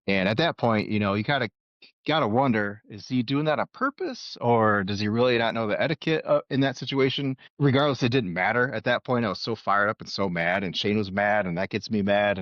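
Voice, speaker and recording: A man co-hosting a casual podcast, telling stories in an animated way over a dull, dry remote mic. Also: low-pitched, dry recording. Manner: storytelling, animated. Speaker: podcast co-host. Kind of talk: casual chat.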